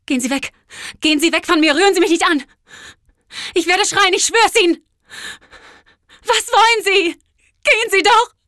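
A young actress performing dramatic scenes with an emotional, theatrical delivery. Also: female voice, very high-pitched, moderate pace, long pauses, sharp tone, no echo, clean studio sound. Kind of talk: acting showreel of dramatic scenes.

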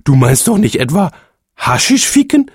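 A man voicing a demanding, lustful female phoenix queen in a comic story, with an insistent, breathy delivery. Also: fairly high pitch, very animated, moderate pace, no room sound, studio quality, pitched above the performer's own voice. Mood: shocked.

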